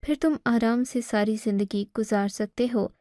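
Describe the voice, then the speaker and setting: A woman's voice: on the high side, fairly even intonation, mellow, no room sound, clean studio sound, close to an everyday voice. A woman voicing a stern, angry father.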